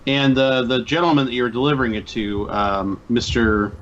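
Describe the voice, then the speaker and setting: A man's voice: mid-range voice, fairly even intonation, normal speed, a bit bright, dull audio. A man playing a tabletop game, hesitantly improvising casual role-play as he feels out his words. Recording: faint background noise with clicks.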